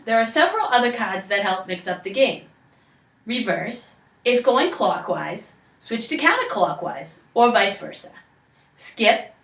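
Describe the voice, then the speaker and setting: A young woman with a Boston accent reads scripted instructions aloud like a storyteller. Her pitch moves around in a lively way at a middling height. The sound is roomy, as from a camera across a living room. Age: young adult. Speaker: presenter of a game tutorial. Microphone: camera a few metres away. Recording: echoey room, distant camera mic.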